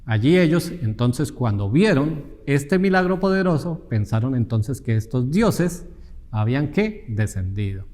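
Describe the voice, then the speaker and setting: A man's voice: on the high side, a little mellow, in a large hall. A man preaching a sermon in an earnest teaching tone, asking the congregation rhetorical questions.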